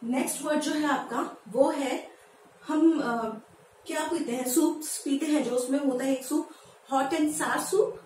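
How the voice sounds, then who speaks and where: A woman teaching English pronunciation in Hindi, who asks her viewers questions and spells words out slowly, syllable by syllable. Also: sits high. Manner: lively, asks viewers questions and answers them. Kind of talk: Hindi-language pronunciation lesson. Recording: echoey room, voice from a distance, faint background noise.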